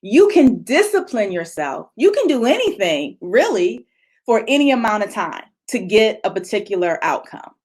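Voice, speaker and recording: A woman coach giving a live motivational talk over a video call. She talks in a lively, conversational way, acts out people's inner voices and answers audience comments as she goes. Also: medium pitch, moderate pace, slightly rough. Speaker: motivational coach leading a retreat session.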